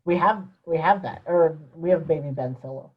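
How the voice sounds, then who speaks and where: A man co-hosting a casual podcast, chatting loosely about a show with fillers and trailing off quietly. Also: on the high side, normal speed, breathy edge, muffled recording. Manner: relaxed fan talk with fillers, trailing off quietly. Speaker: podcast co-host. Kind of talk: casual chat.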